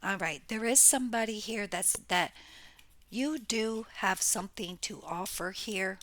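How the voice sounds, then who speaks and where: A woman's voice: mid-range voice, measured pace, fairly bright tone, slight background noise. A woman doing a casual tarot reading for her viewers, blunt and exclaiming, with the odd curse. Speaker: tarot reader. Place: home room near a window.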